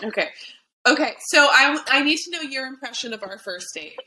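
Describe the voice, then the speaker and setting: A woman's voice: high-pitched, animated, fairly quick, sharp tone, a little hiss or hum, low-quality recording. A young woman from South Florida hosting a podcast, chatting playfully and teasing her guest. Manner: playful, teasing, laughs often. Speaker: podcast host. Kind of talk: casual podcast chat.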